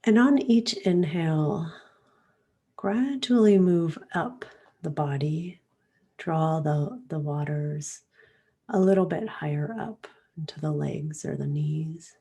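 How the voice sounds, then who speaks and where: Her voice sits low and husky as she leads a guided meditation. She speaks softly and calmly, taking her time, and lets long pauses and breaths follow the ends of her phrases.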